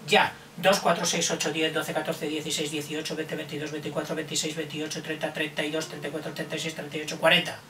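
A man's voice: fairly high pitch, completely flat delivery, quick pace, hardly any pauses, bright, forceful tone, a little hiss or hum. An older man, a teacher, playfully racing the listener through counting drills in a children's counting lesson. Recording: echoey room, heard from a distance.

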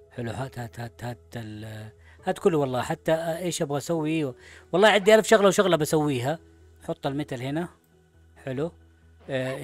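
A man giving casual let's-play commentary, chatting to himself as he plays. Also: fairly high pitch. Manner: chatty, talks to himself while playing. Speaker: gaming YouTuber.

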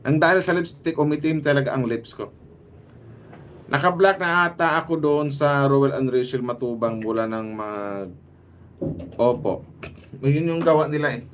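A man with a Filipino accent hosting a casual livestream, reading out viewer shoutouts by name with quick asides. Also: mid-range voice, a little hiss or hum. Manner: lively, greets commenters by name, quick asides. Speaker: livestream host.

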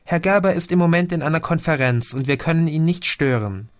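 Guy reading, doing a polite hotel receptionist lady, quick and formal, dry. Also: on the high side, no echo, voice pushed up, natural voice. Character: friendly female hotel receptionist.

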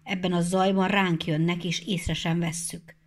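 A woman voicing a brave young male fox in a calm, resolute way for a storybook reading. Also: on the low side, lightly acted. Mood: determined.

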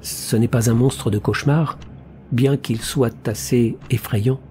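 A man reading an audiobook, voicing a troubled young woman who describes her visions in a soft, submissive, wide-eyed way, slightly higher than his own voice. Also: steady tone, takes it slowly, a little hiss or hum, lightly acted. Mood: dreamy unease.

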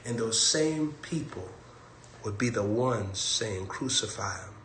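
A man preaching a sermon with a Texan accent, repeating warnings and swinging between loud calls and hushed lines. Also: on the low side, expressive, takes it slowly, reverberant, slight background noise.

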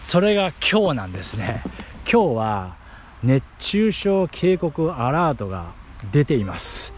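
Holding an action camera at arm's length as he runs a path through fields, the athletic trainer and running vlogger offers short explanations to viewers. He sounds medium-pitched, very animated and unhurried, with a slight hiss or hum in the audio.

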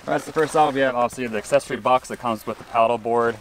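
A man's voice: medium pitch, racing. Man, casual vlog unboxing, chatty and upbeat, distant camera mic, noisy background. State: briefly out of breath after pumping. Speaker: paddleboard vlogger.

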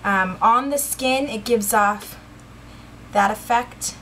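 A beauty vlogger chats casually through a makeup review, a little out of breath, full of fillers and enthusiasm for the products. Her voice is a little high, slow, and a bit bright, recorded indoors on a camera mic with a little hiss or hum.

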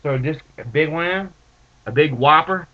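A man in his twenties, stuffed up from allergies and a little high, reviews dip tobacco on a casual webcam vlog. He rambles in a laid-back, halting way in a small room with bookshelves, and the built-in webcam mic gives muffled, lo-fi audio.

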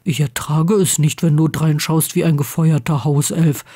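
A woman voicing a blunt, stubborn teenage boy wizard who grumbles low and keeps his voice hushed. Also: fairly even intonation, normal speed, husky. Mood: irritated.

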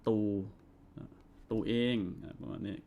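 A man's voice: a little mellow, slight background noise. Patient male language teacher. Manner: patient, repeats sounds slowly for learners. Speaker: Arabic teacher. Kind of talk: step-by-step language lesson.

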